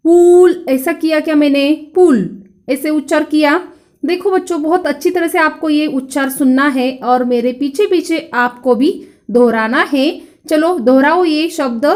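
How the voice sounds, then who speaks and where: A woman with a high voice and a Marathi accent teaches young children. She speaks slowly and carefully, drawing out each word. She repeats sounds so her pupils can echo them back. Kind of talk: children's grammar lesson.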